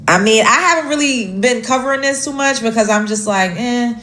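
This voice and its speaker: A woman's voice: a little high, fairly bright tone, reverberant. An American woman giving emphatic casual commentary, stacking up complaints with fillers and restarts. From United States. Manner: emphatic, lists grievances, many fillers and restarts. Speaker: social media commentator.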